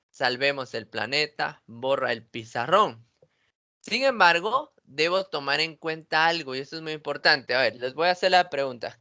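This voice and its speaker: Brief: male teacher with a bright, fairly high voice, asking his class questions over a video call. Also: muffled recording. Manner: asks students questions, then answers them. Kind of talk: online logic class lecture.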